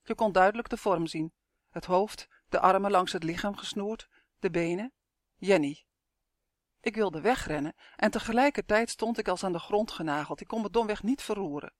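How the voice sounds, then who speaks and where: A narrator reading a first-person suspense story in a steady, measured way on a close microphone. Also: medium pitch, dry recording. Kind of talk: audiobook narration of a suspense novel.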